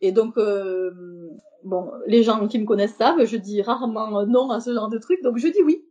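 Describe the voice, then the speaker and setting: Invitée de podcast, une femme, timbre chaud et feutré, parole hésitante avec nombreux « euh ». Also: female voice, fairly high pitch, normal speed, mellow, lo-fi sound. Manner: hesitant, many fillers and restarts. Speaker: podcast guest, embroiderer. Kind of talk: casual interview talk.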